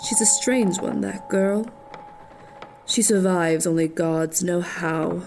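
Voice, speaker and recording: Brief: woman as narrator of a dead matron's memories, measured, scripted, heavy music bed. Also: on the low side, gravelly. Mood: ominous. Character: woman recounting an orphanage matron's last memories. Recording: narration over loud music.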